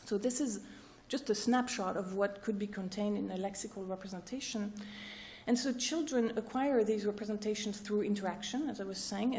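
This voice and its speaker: A woman with a mellow, mid-range voice presents as a researcher at a workshop, giving an academic talk in a lecture room before an audience. She walks through ideas step by step, frequently checking in with "right?" and "okay?".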